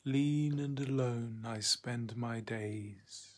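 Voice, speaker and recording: A man reciting a rhyming poem in a hushed, half-whispered delivery, with deliberate phrasing and long pauses. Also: mid-range voice. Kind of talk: poetry recitation.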